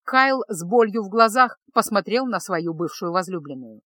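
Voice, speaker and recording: A woman's voice: medium pitch, lively intonation, normal speed, a bit bright, no echo, clean studio sound. Woman narrating a fantasy audiobook. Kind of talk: scripted narration.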